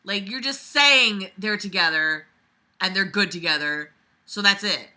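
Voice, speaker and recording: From a bed in a small bedroom, a young adult woman reads fiction out loud at an unhurried pace. Her medium-pitched voice carries a sharp edge as she adds fed-up, sarcastic asides laced with lots of cursing.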